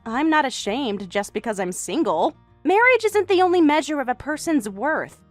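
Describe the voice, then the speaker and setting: Composed older sister in her late thirties, woman actor, calm and firm, close dry read, text-story drama. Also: high voice, normal speed, no room sound, soft background music. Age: late 30s. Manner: calm, reasoning, firm when pushed. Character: composed older sister, single, near forty. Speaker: character in a voiced text story. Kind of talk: voice acting for a text-message story.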